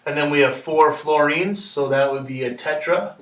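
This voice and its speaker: At a moderate pace and in a slightly high voice, a male chemistry teacher patiently breaks the lesson into steps, repeats them, and checks in with "okay?" The recording has room echo and a far-off microphone.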